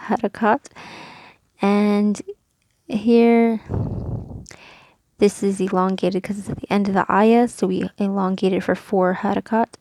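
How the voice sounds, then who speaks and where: Patient woman teaching with a dark, gravelly voice. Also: mid-range voice, no room sound. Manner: patient, methodical, with frequent ums and self-corrections. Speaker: Quran reading teacher. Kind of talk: casual recorded lesson, explaining rules step by step.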